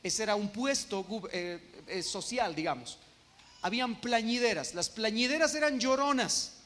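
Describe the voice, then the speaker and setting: A man with a Guatemalan Spanish accent preaching an expository sermon as pastor, emphatic and slowing down on key phrases. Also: high voice, animated, fairly bright tone. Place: church sanctuary. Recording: long reverb of a church hall.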